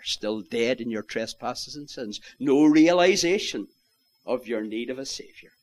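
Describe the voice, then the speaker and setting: A man preaching an evangelistic sermon, earnestly pleading with his listeners and rising to loud, impassioned calls. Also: medium pitch. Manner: old-fashioned biblical phrasing.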